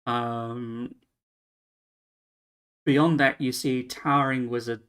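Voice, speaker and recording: Bright-voiced man running a tabletop game. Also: mid-range voice, fairly even intonation, clear, resonant tone. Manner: halting, many fillers and restarts. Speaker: game master.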